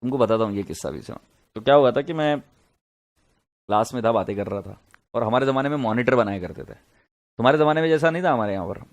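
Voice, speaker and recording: A man's voice: mid-range voice, expressive, fast, pauses often. Male lecturer, middle-aged, chatty, joking, storytelling to a class. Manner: chatty, joking, mixes Hindi and English. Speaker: accounts lecturer. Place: classroom with students.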